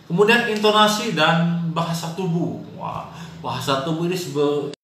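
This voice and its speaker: Male hypnosis teacher, bright voice, casual explainer, heavy room echo. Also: on the high side, normal speed. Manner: explains with frequent "ya" tags and homely examples. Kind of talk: casual spoken lesson. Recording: very echoey room, faint noise.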